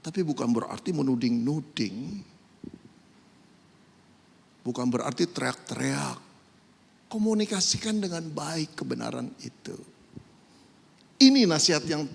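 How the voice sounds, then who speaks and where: A man preaching a sermon, swinging between loud emphasis and soft asides. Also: mid-range voice, vocal fry, breathy edge. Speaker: pastor. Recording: echoey hall with long reverb.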